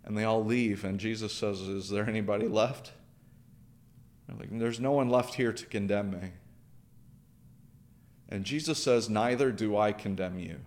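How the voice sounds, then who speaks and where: A man's voice: on the low side, moderate pace, pauses often, darkish tone. A man preaching a sermon, earnest, building through repeated phrases and questions. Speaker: pastor.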